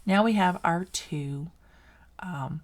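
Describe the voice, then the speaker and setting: A woman's voice: lowish voice, takes it slowly. A woman with a Southern US accent teaching a casual recorded algebra lesson, chatty and encouraging, correcting herself as she works. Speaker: math teacher.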